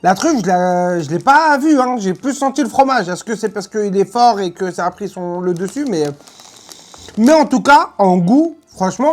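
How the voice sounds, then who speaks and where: A woman's voice: medium pitch, a little mellow. A woman giving casual, chatty and emphatic tasting commentary in colloquial speech. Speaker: host of food tasting video. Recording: music playing behind.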